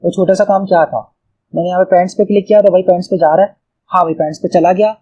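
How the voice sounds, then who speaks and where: Speaking fast in a high, steady voice, this Pakistani man with an Urdu accent narrates a screen-recorded coding tutorial. The audio is muffled with slight background noise, and he casually thinks aloud, often calling the viewer brother, "bhai."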